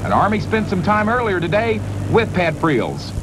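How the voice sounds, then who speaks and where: High-pitched male tractor pull announcer. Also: wildly swooping pitch, normal speed, noisy background.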